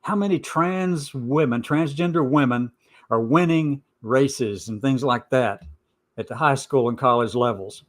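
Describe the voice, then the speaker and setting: A man's voice: mid-range voice, measured pace. A man hosting an informal opinion show, stressing and repeating his points with sarcastic asides. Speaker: host of a commentary show.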